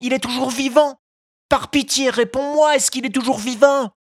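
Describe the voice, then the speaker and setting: A woman's voice: fairly even intonation, moderate pace, no room sound, clean studio sound. A woman voicing Pinocchio, a wailing puppet boy. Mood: eager. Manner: high, sobbing, pleading cries. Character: young boy wooden puppet, emotional and impulsive.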